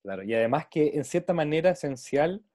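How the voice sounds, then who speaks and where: A man's voice: on the high side, lively intonation, brisk, dark tone, no echo, studio quality. A man in reflective casual conversation, speaking earnestly and at length, often doubling small linking words as he builds his thought.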